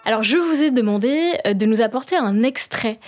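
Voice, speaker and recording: A woman's voice: on the high side, animated, a little fast, a little mellow, faint music behind. A woman hosting an interview, guiding her guest with questions and a few hesitations. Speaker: host. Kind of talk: radio interview.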